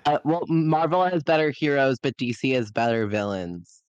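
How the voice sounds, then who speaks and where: A man's voice: medium pitch, expressive, normal speed, darkish tone, smooth, no room sound, highs cut off. A man playing a tabletop game with friends, chatting bluntly and swearing freely as he goes off on tangents. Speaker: player. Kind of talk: casual chat.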